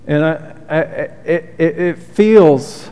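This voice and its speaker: This pastor's smooth, somewhat high voice moves extremely slowly through his sermon. Earnest and heartfelt, he soothes his listeners and adds soft confessional asides, all echoing with long hall reverb.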